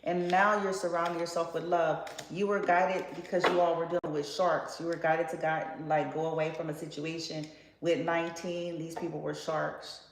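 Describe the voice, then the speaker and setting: A woman's voice: sits low, level tone, moderate pace. A woman giving a casual tarot reading in a blunt, profane, sassy way. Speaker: tarot card reader. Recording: roomy echo with faint background noise.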